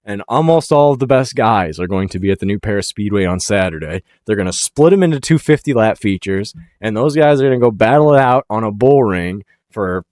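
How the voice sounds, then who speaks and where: A man hosting a racing talk show, talking casually and with excitement, pushing hard on key words and then trailing off quietly. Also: on the low side, dry recording, clean studio sound. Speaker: racing podcast host.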